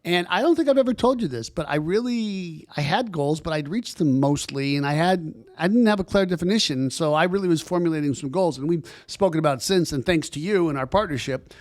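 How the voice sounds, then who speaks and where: Introducing his guest, a podcast host chats enthusiastically and rambles, restarting his sentences often. His voice is a little high and a little mellow, with lively intonation, a fairly quick pace and hardly any pauses.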